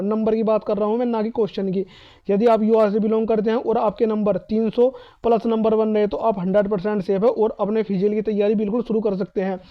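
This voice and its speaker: On a muffled recording, a high-pitched man talks exam candidates through cutoff advice informally. He is emphatic, keeps repeating himself, and answers his own questions.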